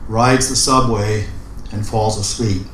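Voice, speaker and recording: Measured male poet in a roomy space. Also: fairly low pitch, fairly even intonation, fairly bright tone. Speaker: poet at an open mic. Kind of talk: spoken introduction and dramatic poetry recital. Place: indoor open mic event room. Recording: roomy live recording with background noise.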